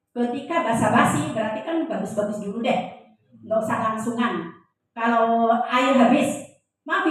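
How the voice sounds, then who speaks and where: A woman lecturer teaching a class in a joking way, quizzing her audience with questions. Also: a little high. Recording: very echoey room, voice heard from a distance.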